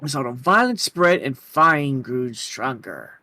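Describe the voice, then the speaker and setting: A man's voice: medium pitch, expressive, slow, bright, forceful tone, no echo. A man voicing a solemn, godlike giant bird in a video game, speaking in stately, formal, philosophical phrases. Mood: grave, ominous. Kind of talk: reading video game dialogue aloud.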